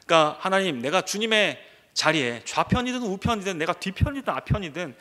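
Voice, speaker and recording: A man's voice: high-pitched, expressive, a little fast, bright, forceful tone. A man preaching a midweek sermon as pastor, often acting out the pleading words of Bible figures with hesitant fillers between thoughts. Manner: acts out Bible figures' pleas in quoted speech. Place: church.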